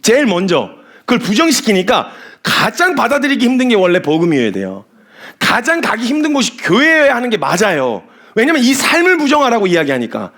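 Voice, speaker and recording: A man preaching a sermon as a missionary, animated, laughing often and acting out the people he describes. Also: sits high, a little fast.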